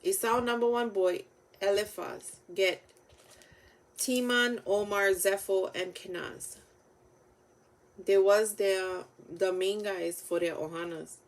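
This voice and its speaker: A woman reads aloud in Hawaiian Pidgin, as if at story time. Her pitch sits in the middle range for a woman and her pace is slow. She is halting over names and sometimes corrects herself. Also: fairly even intonation, rough recording. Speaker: reader of Bible stories.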